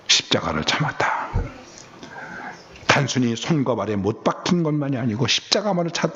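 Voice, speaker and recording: A man preaching a revival sermon in a church, lively and playful, acting out voices and bantering with the congregation. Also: mid-range voice, muffled recording, noisy background. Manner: lively, acts out voices of brothers and village kids, banters with congregation. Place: church sanctuary.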